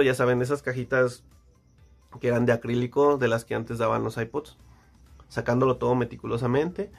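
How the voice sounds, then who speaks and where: Young mexican guy telling a funny story, lots of slang, mid pitch, soft music behind. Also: gravelly. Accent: Mexican Spanish. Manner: slangy, animated, acts out voices. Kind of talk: casual storytelling.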